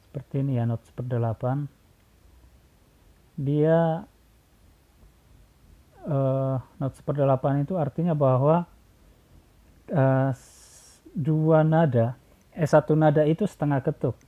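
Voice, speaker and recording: A man's voice: fairly high pitch, fairly even intonation, slow pace, pauses often. A man teaching a choir how to read number notation, explaining patiently, repeating himself and counting beats aloud. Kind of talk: spoken music lesson, sung examples. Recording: tinny phone-like sound.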